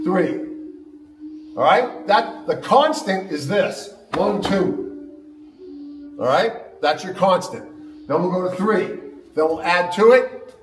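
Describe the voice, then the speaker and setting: A man's voice: a little high, fairly bright tone, distant mic. A man teaching a martial arts seminar, upbeat and jokey, checking in with the class with "all right?" after nearly every point. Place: large training hall. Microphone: camera mic from a distance. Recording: echoey hall recorded from afar.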